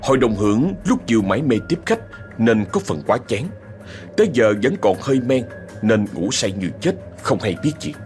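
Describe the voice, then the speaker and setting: Expressive male ghost-story narrator. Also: medium pitch, moderate pace, soft background music. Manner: dramatic, expressive.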